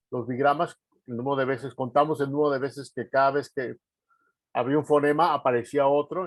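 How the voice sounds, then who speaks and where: A man's voice: mid-range voice, dry recording. A man giving a technical presentation in a meeting, often breaking off and restarting words.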